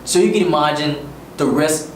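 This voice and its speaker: A man's voice: fairly high pitch, normal speed. A man from the Bahamas with a Bahamian accent, a musician speaking earnestly and emphatically with slang in a casual interview. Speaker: musician guest. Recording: echoey room, distant mic, faint noise.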